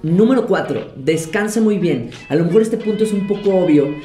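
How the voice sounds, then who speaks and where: A man's voice: high voice, lively intonation, normal speed, dark tone, reverberant, soft background music. A young man vlogger casually explaining road trip tips from a living room couch. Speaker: travel vlogger. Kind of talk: casual advice to camera.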